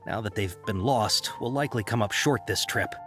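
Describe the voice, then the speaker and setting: An actor voicing a nervous, chatty caravan merchant who hesitates a lot, with many uhs. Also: male voice, on the low side, moderate pace, fairly bright tone, natural voice. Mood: worried. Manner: hesitant, full of uhs, then eager. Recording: game audio with background music.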